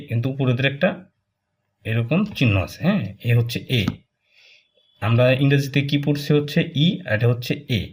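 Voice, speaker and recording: Man as a patient tutor, mid pitch, slow explaining with frequent fillers. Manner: slow, repetitive, with many fillers while drawing strokes. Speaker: Japanese language teacher. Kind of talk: casual spoken lesson, explaining while writing.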